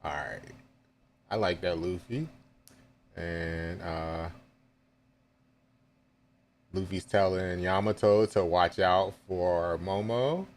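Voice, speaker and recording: A man's voice: low-pitched, steady tone, slow, pauses often, a little hiss or hum. A man reading a manga chapter aloud live and reacting with casual asides and chuckles.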